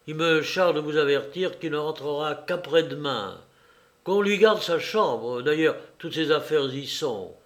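A man reading an audiobook, voicing a cool, commanding gentleman burglar who gives brisk, ironic orders, a little higher and louder than his narration. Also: expressive. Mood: mocking. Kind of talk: audiobook character voice.

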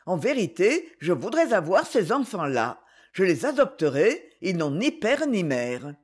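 A woman's voice: lowish voice, big pitch swings, unhurried, slightly rough, exaggerated voice. A woman reading an old teasing general. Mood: gentle. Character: old male general, teasing, soft-hearted.

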